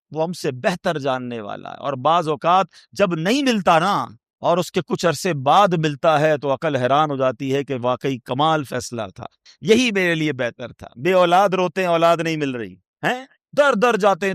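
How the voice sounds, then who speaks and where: An emotive preacher gives a rhetorical sermon, asking his listeners questions and alternating loud, high questions with quiet, low asides. It is a dry, studio-quality recording.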